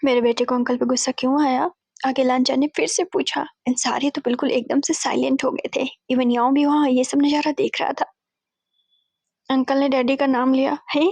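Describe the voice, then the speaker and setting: A woman's voice: high-pitched, fairly even intonation, normal speed, gravelly, darkish tone, no echo. A woman casually retelling a fanfiction story, chatty and mixing in English words as she voices the characters' lines. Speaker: fanfiction narrator.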